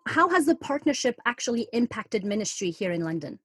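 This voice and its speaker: Woman as the interviewer: high and breathy, friendly and curious. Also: sing-song, fairly quick, dry recording. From Iceland. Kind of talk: casual interview chat.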